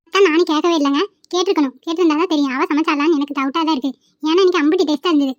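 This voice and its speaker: A woman voicing a loud, nosy, chatty mother-in-law in a cartoon. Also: sits high, fairly even intonation, racing, dry recording, close to an everyday voice. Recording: dull, dry home recording.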